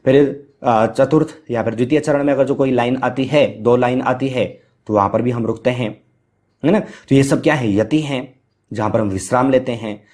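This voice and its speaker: Brief: male teacher, mid-pitched voice, poses questions and answers them himself, explanatory lecture. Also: normal speed, a little mellow. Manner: explains with rhetorical questions and fillers; chants Sanskrit verse at varying speed. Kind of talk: Hindi grammar lecture.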